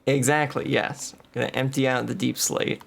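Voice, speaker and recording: A man's voice: mid-range voice, little pitch movement, moderate pace, gravelly, a little hiss or hum. A man hosting a gameplay video, thinking aloud and muttering numbers as he plays. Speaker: game video host. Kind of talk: casual gameplay commentary.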